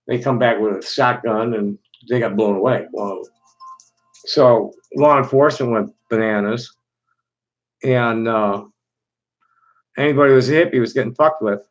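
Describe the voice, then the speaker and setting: Middle-aged Chicago man, live-stream host, rambling and halting delivery. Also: mid-range voice, dull audio. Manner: halting, many restarts and fillers. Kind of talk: rambling casual monologue to chat.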